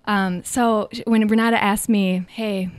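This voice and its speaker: A young woman with a light Minnesota accent chats as an interview guest, rambling warmly through fillers and frequent laughs. Her voice sits at a middling pitch and is recorded close and dry. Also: steady tone, moderate pace, dry recording. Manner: chatty, laughs often, trails off with fillers. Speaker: guest artist. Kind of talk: casual interview conversation.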